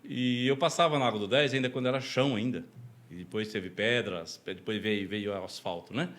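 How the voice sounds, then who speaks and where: A Brazilian deacon, a guest on a podcast, swaps stories in a casual interview, chatting freely, laughing often and tagging sentences with "né?". His voice sits lowish, a bit bright, at a normal speed.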